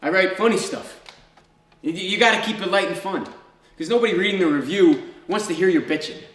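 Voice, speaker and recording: A man delivers a one-man theatrical first-person monologue in a slightly high, a bit bright voice at a fairly quick pace, telling his story dramatically with dry, wry humour. The sound echoes heavily from the stage, caught by a distant microphone.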